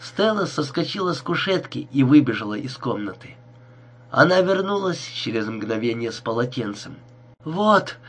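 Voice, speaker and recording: A man's voice: mid-range voice, big pitch swings, normal speed, slightly rough. A man narrating a crime story audiobook in a tense, dramatic reading.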